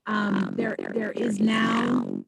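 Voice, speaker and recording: A woman on a video call in a meeting, her audio garbled and breaking up as she talks slowly to get through. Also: very deep voice, huge pitch swings, gravelly. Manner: speaks slowly to get through a bad connection. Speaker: committee member. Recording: noisy, garbled call connection.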